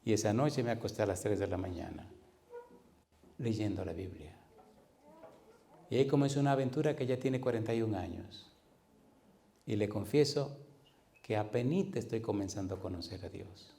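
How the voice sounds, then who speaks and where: A man in his fifties preaching a sermon to a live audience, often asking them questions and slowing down to stress scripture. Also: lowish voice, creaky, dark tone. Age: 50s. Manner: engages the audience with repeated questions; slows down to stress scripture readings. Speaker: pastor.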